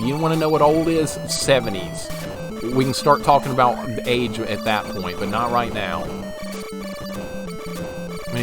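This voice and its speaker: A man in his forties with a mid-range voice chats casually with viewers on a live stream while playing a retro game, with game music playing underneath. He's chatty and self-deprecating, laughs quickly and easily, and repeats words when he gets excited.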